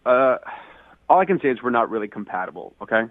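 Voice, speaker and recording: A man's voice: mid-range voice, sing-song, quick pace, dry recording. A man calling in to a radio show, indignant and increasingly worked up as he tells his story. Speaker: caller. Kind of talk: phone call on a radio show. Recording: tinny phone line.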